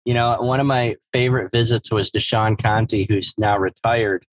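Animated storytelling man, dry close sound. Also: fairly low pitch, moderate pace, no echo, poor audio. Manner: animated storyteller who acts out dialogue. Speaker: podcast co-host, former evaluator. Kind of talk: casual storytelling chat.

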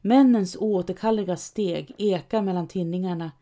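A woman's voice: fairly low pitch, mellow. Woman narrating a tense audiobook. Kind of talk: first-person audiobook narration.

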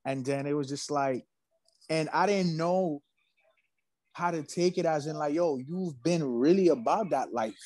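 A man's voice: a little high, a little slow, darkish tone, no room sound, rough recording. A man from Haiti, a musician guest, talking casually in an interview, laid-back and slangy, often repeating himself.

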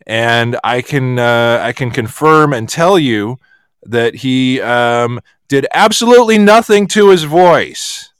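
A man hosting a podcast, his voice smooth and resonant against a dead-dry sound. He talks in casual chat, animated and ranting, swearing freely. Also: mid-range voice, takes it slowly, no echo. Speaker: podcast host.

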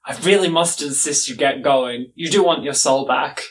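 A man's voice: mid-range voice, normal speed, lightly acted. A man voicing Death as a stern, solemn grim reaper in a tabletop game, speaking imperiously. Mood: insistent. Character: death, stern commanding grim reaper sending souls on errands. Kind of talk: tabletop role-play acting.

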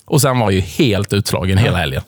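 Animated swedish guy, lively storyteller. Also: low voice, dry recording. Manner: animated storytelling, acts out child's screams. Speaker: podcast co-host, father. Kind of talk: casual comedic chat.

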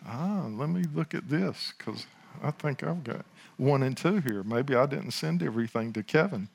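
A man's voice: mid-range voice, animated, normal speed, gravelly, slight background noise. A man, praying and then preaching informally, with chuckling asides and restarts. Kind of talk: sermon with opening prayer.

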